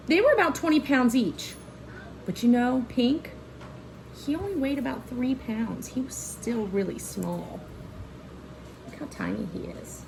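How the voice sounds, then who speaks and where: A high, creaky voice with a darkish tone belongs to a woman reading a children's picture book expressively, teacher-style, with asides that highlight details and ask questions. The recording is rough, with slight background noise.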